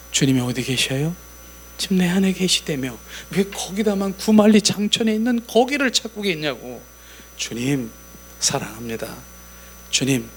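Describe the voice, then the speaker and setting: A man with a notably high voice delivers a sermon in a chatty, conversational way, returning to the same key phrases again and again. He slips into soft, intimate tones when acting out prayers, and a faint hiss sits behind him. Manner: acts out prayers in an intimate, whispering tone. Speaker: pastor.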